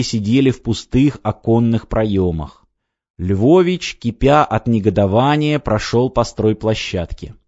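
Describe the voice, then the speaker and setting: A man narrating an audiobook with a steady, expressive reading. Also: medium pitch, dry recording, lo-fi sound. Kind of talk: scripted narration.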